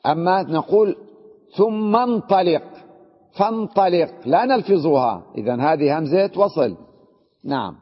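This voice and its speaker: A man's voice: a little high, animated, measured pace, husky. A man teaching an Arabic grammar lesson, explaining step by step and often putting questions to his students. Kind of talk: classroom lesson. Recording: dull lo-fi recording in a reverberant hall.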